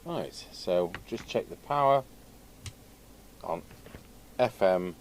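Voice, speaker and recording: Muttering brief comments to himself, a man who vlogs about radio repair gives casual hands-on commentary at an indoor electronics bench. He speaks slowly and expressively in a deep, darkish voice, with clear workshop noise behind him.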